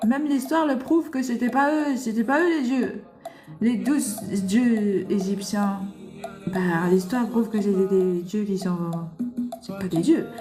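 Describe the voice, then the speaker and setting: A woman's voice: mid-range voice, unhurried, warm tone, roomy sound, soft background music. A woman preaching fervently on a live stream, scolding her listeners and firing rhetorical questions at them. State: tearful. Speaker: livestream host. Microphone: phone.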